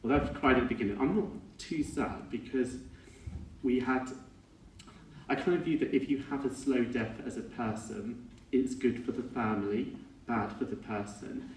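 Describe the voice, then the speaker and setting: A middle-aged man giving an informal funeral speech as a son, halting and reflective, often correcting himself as he goes. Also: medium pitch. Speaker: son giving a eulogy for his father. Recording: echoey room, distant mic, faint noise.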